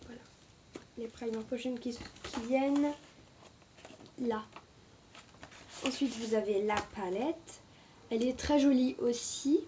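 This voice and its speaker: A woman chatting casually through a makeup review, hesitant and quick to apologize, recorded on a camera mic at home. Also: on the high side, noisy background. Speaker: beauty vlogger.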